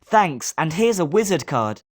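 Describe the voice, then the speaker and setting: With a slightly high voice, big swings in pitch and a measured pace, a man performs scripted video game lines as a British schoolboy wizard. He sounds friendly and polite, and the student he plays occasionally turns sneering.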